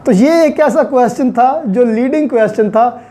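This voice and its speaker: Speaking at a normal speed, a man with a very high, warm voice and a Pakistani accent gives a didactic law lecture. He repeats his points to drive them home and weaves in English terms.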